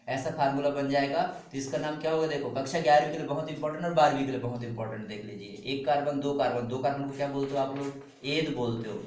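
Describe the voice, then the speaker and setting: A man's voice: mid-range voice, darkish tone, slight background noise. A man teaching a chemistry lesson, repeating each step and quizzing the class with questions as he goes. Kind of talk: classroom lecture. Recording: echoey room, distant mic.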